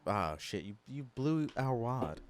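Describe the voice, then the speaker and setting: Slow-talking joking man, chatter behind. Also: medium pitch, very animated. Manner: playful, ribbing, laughs often. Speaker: podcast co-host. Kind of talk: joking casual banter.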